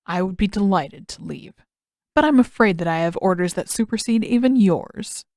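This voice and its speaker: A woman's voice: medium pitch, animated, moderate pace, darkish tone, no room sound, studio quality, natural voice. A woman putting on a smug, sarcastic admiral. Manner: mocking, sarcastic. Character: smug sarcastic male naval admiral, cold and condescending. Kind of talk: fan audiobook reading.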